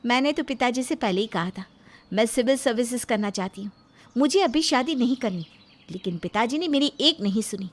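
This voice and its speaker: A woman voicing an ambitious, haughty young woman officer in an animated story. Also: a little high, brisk. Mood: earnest. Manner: haughty, curt.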